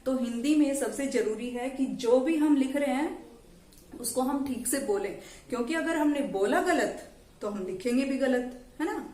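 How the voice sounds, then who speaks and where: A woman's voice: high voice, darkish tone. Patient woman teacher in an echoey room. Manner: slow, patient sounding-out of syllables. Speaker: primary school teacher. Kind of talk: online Hindi lesson for young children.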